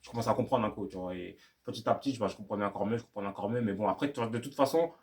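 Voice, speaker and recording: A man's voice: fairly low pitch, racing, darkish tone. A young man talking casually to camera about learning English, rambling and repeating himself in slangy French. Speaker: YouTuber giving language-learning tips. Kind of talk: casual vlog monologue.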